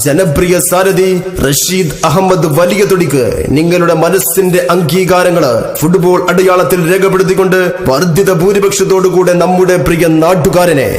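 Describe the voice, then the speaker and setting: High-pitched Kerala man announcing in heavy echo. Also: fairly even intonation, normal speed. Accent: Kerala Malayalam. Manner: declamatory, flowery, formal appeals. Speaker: election campaign announcer. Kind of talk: scripted campaign announcement. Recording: echoey reverberant announcement over music. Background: music.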